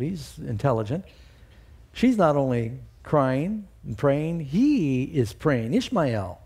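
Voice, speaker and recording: Mellow-voiced man preaching a sermon. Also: gravelly, breathy edge. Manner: storytelling, rising high and loud to voice Bible quotes. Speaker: pastor.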